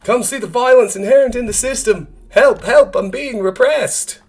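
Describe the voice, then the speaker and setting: A man voicing an indignant young peasant in a high, mock-offended voice, quoting a film scene. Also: normal speed, breathy edge, heavily acted.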